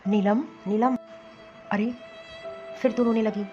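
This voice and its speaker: A woman's voice: medium pitch, fairly even intonation, slow pace, mellow, highs cut off, faint music behind, close to an everyday voice. Woman voicing a bossy young husband. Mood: soothing. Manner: reassuring then ordering about. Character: young jobless husband, soothing but bossy. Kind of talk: Hindi cartoon voice acting.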